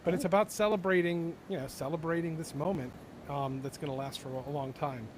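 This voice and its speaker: A man's voice: on the high side, steady tone, a little fast, slight background noise. A man co-hosting a casual livestream panel, talking enthusiastically with lots of fillers and restarts. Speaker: livestream co-host.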